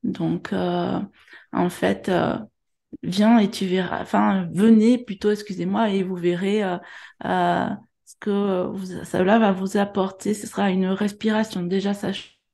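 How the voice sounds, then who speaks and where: A woman's voice: medium pitch, steady tone, vocal fry, echoey room. Hesitant woman with a southern French accent. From France. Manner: gentle, halting, many fillers. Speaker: guest workshop leader. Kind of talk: hesitant conversational interview. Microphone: video call.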